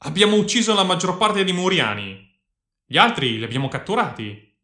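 A young, wisecracking lieutenant, voiced by a man reading a story jokes in an eager, higher-pitched voice. His tone is bright and sharp. The voice rings in an echoey room. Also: lively intonation, moderate pace. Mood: reporting. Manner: joking and eager. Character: young wisecracking male lieutenant, mid-twenties.

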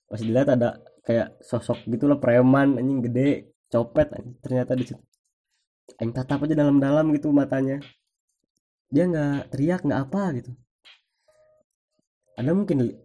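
A young man with a Sundanese accent, telling a personal anecdote in slangy, casual speech full of swearing. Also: medium pitch. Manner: slangy, swears freely, animated retelling.

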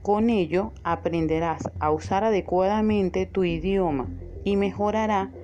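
A woman teacher giving a scripted spoken lesson, with a clear, measured delivery that slows down to stress key words. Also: mid-range voice, dark tone, highs cut off, soft background music.

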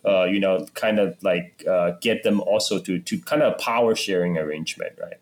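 Halting, opinionated man. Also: low voice. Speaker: podcast co-host. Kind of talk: casual political discussion.

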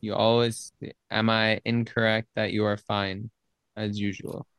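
A man's voice: fairly low pitch, flat delivery, a little slow, fairly bright tone, smooth, dry recording. A man hosting a podcast in casual chat, playful and rambling, often restarting his sentences. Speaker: podcast host.

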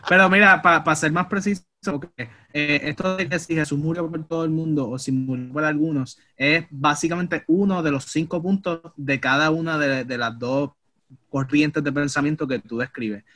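A man in a casual podcast debate, animated and acting out quoted voices. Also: on the high side, normal speed. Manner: animated, acts out quoted voices, calls others papi. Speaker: podcast co-host.

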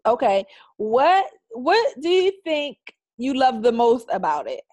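A woman's voice: high voice, very animated, unhurried, darkish tone, dry recording. Chatty woman podcast host, dry sound. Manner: chatty, laughs often. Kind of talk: casual podcast chat.

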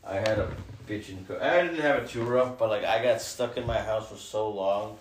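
Low-voiced crude joking young man. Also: normal speed. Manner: crude joking, deadpan asides. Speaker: podcast co-host. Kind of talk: casual chat. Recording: roomy echo, faint noise.

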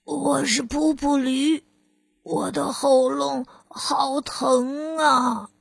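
A woman voicing a hoarse little male donkey with a sore throat, his raspy voice muffled as if heard through a closed door, slow and pleading, in a children's storybook reading. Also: high voice, little pitch movement, no echo, exaggerated voice. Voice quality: raspy, gravelly. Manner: slow, pleading and sorry for himself. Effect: muffled, heard from outside a closed door.

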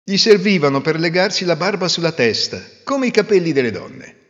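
A man playing bold clever peasant hero, self-assured, lively pitch, echoey lo-fi. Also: a little fast. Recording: roomy reverb, dull lo-fi sound.

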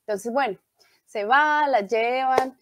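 A young woman casually retelling a tragedy, lively and acting out the lines she quotes. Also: high-pitched, slow pace, dry recording. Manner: animated storytelling, acts out quoted lines.

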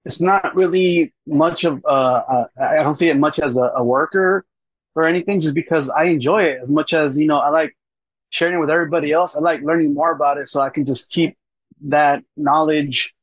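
A man speaking as a podcast guest in a casual chat, in a hesitant, halting way, on a slightly dull recording. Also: fairly high pitch, dry recording.

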